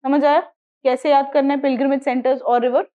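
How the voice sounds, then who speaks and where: A woman's voice: sits high, little pitch movement, brisk, phone-quality sound. A woman with an Indian accent teaching geography for exam prep, repeating mnemonics and quizzing her students. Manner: repetitive, drills mnemonics, asks students questions. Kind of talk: classroom lecture mixing Hindi and English.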